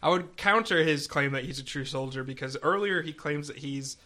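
Bright-voiced man chatting casually. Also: fairly high pitch, a little fast. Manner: rambling, lots of restarts and fillers. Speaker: podcast co-host. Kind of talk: casual chat.

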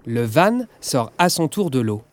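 A man narrating a children's audiobook in a lively, expressive storytelling manner. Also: medium pitch, a little slow.

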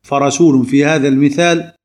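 A man's voice: mid-range voice, fairly even intonation, a little fast, darkish tone. A man teaching a recorded grammar lesson, explaining rules point by point in a didactic manner. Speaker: lecturer.

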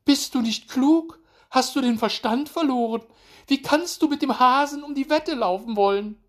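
Shrill fretful hedgehog wife, as a man puts her on. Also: measured pace, a little mellow. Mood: horrified. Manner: shrieking, alarmed.

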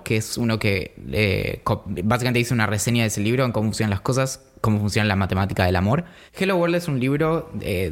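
A man with an Argentine Spanish accent co-hosts a casual podcast. He rambles, restarts his sentences, and drops dry jokes along the way. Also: mid-range voice. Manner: rambling, self-interrupting, joking. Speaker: podcast co-host. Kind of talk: casual chat.

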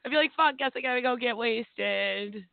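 A woman's voice: fairly high pitch, normal speed, creaky, dry recording. A woman co-hosting a podcast in casual chat, laughing often and swearing casually. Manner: giggly, swears casually, drawling. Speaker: podcast co-host. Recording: dry, phone-like sound.

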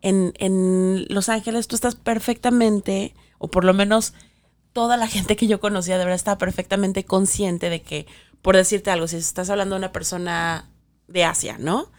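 A woman co-hosting a podcast, telling stories in an animated, expressive way. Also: mid-range voice, moderate pace. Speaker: podcast co-host. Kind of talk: casual podcast chat.

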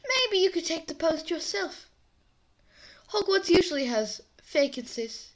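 A woman's voice: very high voice, expressive, measured pace, pitched above the performer's own voice. A woman reading quiz praise as a prim announcer in a put-on British accent. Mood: mock-formal.

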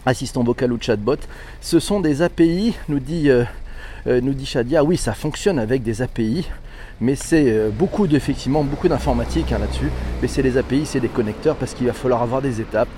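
Podcast host, male, mellow tone, chatty and animated, laughs often. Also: mid-range voice, brisk, slight background noise. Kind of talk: casual chat reading listener messages.

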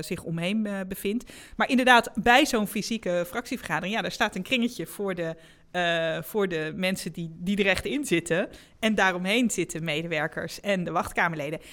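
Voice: mid-range voice, fairly bright tone. A politician talking casually about a new role, chatty and full of hesitations. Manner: chatty and hesitant, many fillers and restarts. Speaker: newly elected politician, interviewer. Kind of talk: casual conversation.

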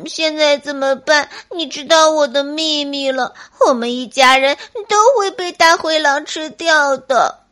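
A woman's voice: high-pitched, steady tone, measured pace, a bit bright, voice pushed up. A woman voicing a small, timid young squirrel boy in a bedtime story, stammering and tearful.

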